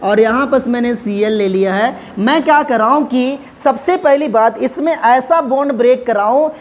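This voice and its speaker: A man's voice: very high voice, moderate pace, slight background noise. A male chemistry teacher gives a classroom lecture at the board, explaining step by step and addressing students affectionately.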